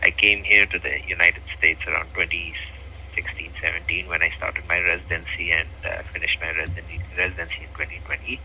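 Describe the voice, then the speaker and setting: Deep-voiced Nepali man, bright tone. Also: flat delivery, a little fast, gravelly, a little hiss or hum, rough recording. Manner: hesitant, earnest, many fillers. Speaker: physician guest. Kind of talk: interview.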